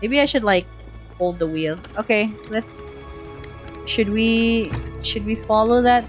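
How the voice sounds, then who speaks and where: A woman's voice: on the high side, slow pace, dull audio. A young woman giving casual live gameplay commentary on a headset mic, chatty and thinking aloud in short bursts. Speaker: game streamer. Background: faint game music.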